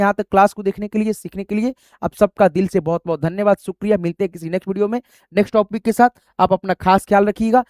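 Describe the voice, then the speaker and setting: High-voiced man teaching English spelling. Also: darkish tone, no echo, clean studio sound. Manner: repeats "doston" and "theek hai", quizzes the viewer; spells words letter by letter. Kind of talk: online classroom lesson.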